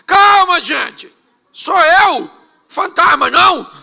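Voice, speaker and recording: A man's voice: very high voice, moderate pace, gravelly, exaggerated voice. A man voicing Jesus, calling out to frightened men on a boat in a reassuring tone. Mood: reassuring shout. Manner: loud reassuring call. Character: Jesus calling out calmly over the storm, man.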